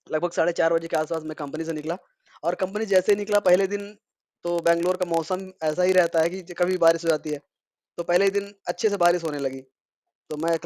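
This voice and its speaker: Chatty young man, slightly high voice. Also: darkish tone, no room sound. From India. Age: young adult. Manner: chatty, rambling with frequent fillers and restarts. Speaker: vlogger. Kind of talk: casual vlog recounting.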